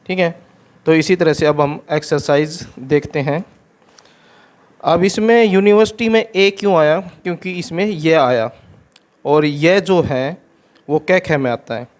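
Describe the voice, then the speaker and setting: A man teaching an English grammar exercise, patiently repeating each rule in simple steps and reading the example sentences slowly and clearly. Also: fairly high pitch.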